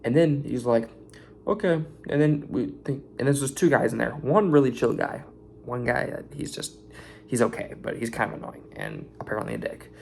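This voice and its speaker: Young man, tired, gravelly voice, rambling vlog rant, faint background hum. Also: medium pitch, sing-song, fairly quick, a little mellow. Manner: tired, venting, swearing, rambling. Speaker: warehouse worker venting after a shift.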